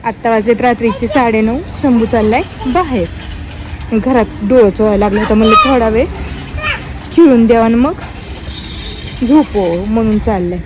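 A young woman chatting casually through a home vlog, talking softly and rambling about her day as a mother. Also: fairly high pitch, moderate pace, long pauses, background noise. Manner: chatty, soft-spoken, rambling asides. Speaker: vlogger and mother.

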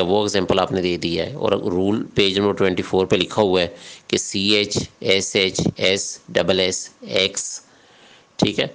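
A male English teacher gives a patient grammar lecture, working through the rules step by step. His voice sits low and carries a gravelly fry. He slips English terms into his Urdu as he explains. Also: fairly bright tone.

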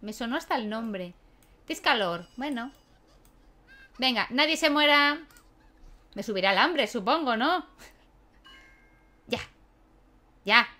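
A woman's voice: fairly high pitch, animated, slow, pauses often, bright, forceful tone. A young woman, chatting casually as she plays a life-sim game and talks to her characters, laughing often. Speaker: gaming YouTuber. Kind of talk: casual let's-play commentary.

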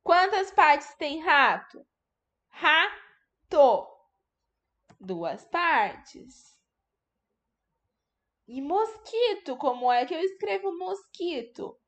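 A woman's voice: very high-pitched, big pitch swings, slow pace, fairly bright tone. A woman teaching a remote lesson to young children, patiently sounding out words syllable by syllable. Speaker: primary school teacher.

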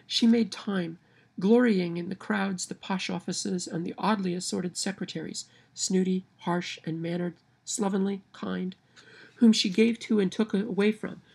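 Sitting indoors by the window blinds at home, a vlogger from Kansas reads a word list and a passage from a novel into a webcam at arm's length. She has a Midwestern American accent with a nasal twang, and her mid-range voice is husky, creaky, and darkish, with fairly even intonation and a measured pace.

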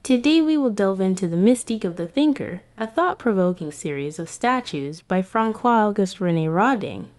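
A fancy female poodle, voiced by a woman, guides listeners through art in a prim, formal way. Her voice is mellow and sits at an ordinary pitch. The sound is dry and close. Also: expressive, normal speed, hardly any pauses, no echo, natural voice. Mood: prim, curious. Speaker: host. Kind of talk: scripted kids' art lesson.

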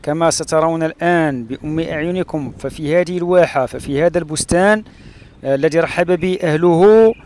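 A man from Morocco narrating his travels along a rural road and through a palm oasis, pausing often with "uh" fillers. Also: on the high side, a little mellow. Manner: hesitant, with frequent "uh" fillers and pauses. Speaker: travel vlogger.

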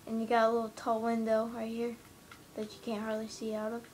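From her room at home, a woman gives a casual, rambling walkthrough tour of her game build, filming the TV with a handheld camera and hesitating with many "um"s and "uh"s. Her voice is a little high, monotone, fairly quick, and darkish, with a little hiss or hum.

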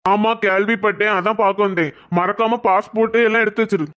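Friendly cartoon elder brother voiced by a creator, advising, ordinary middle pitch. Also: steady tone, quick pace, fairly bright tone, close to an everyday voice. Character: helpful older brother figure, friendly. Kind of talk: animated cartoon dialogue.

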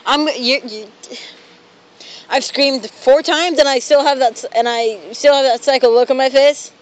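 A man's voice: very high-pitched, a little slow, low-quality recording. A young man vlogging outdoors on a city street, chatting in an exasperated, bossy way into a phone. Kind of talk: casual vlog chat while walking. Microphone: phone held while walking. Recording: phone recording with traffic noise.

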